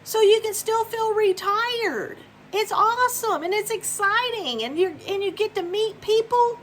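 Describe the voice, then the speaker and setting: A woman's voice: very high-pitched, unhurried, a bit bright, slight background noise. A woman, talking casually and encouragingly to camera in a home video. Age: 50s. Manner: upbeat, encouraging, repetitive. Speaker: vlogger. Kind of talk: casual promotional talk to camera.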